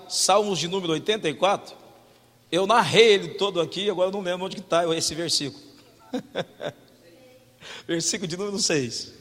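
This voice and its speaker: A man preaching a sermon as pastor, animated, swinging from loud to hushed and asking the congregation questions. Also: high voice, big-room sound. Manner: talks directly to the congregation with questions.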